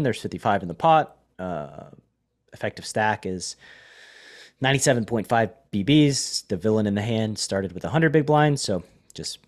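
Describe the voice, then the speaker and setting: A man hosting a poker podcast, chatting casually in a rambling, self-deprecating way with repeated words. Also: lowish voice. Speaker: podcast host, poker coach. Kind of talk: casual podcast chat and hand commentary.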